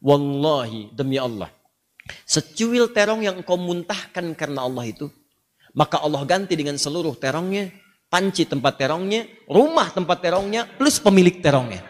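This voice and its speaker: Young wife, tender and sincere, a man doing her in his own slightly high voice, sermon retelling. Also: very animated, moderate pace, long reverb tail. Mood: earnest. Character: tender young widow, newly married wife.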